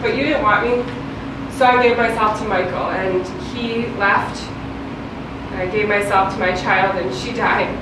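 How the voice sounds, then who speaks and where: A woman's voice: mid-range voice, fairly even intonation, moderate pace, natural voice. A woman playing a grieving, obsessive woman who lost a child, bitter and accusing. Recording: very echoey, far from the mic, noisy.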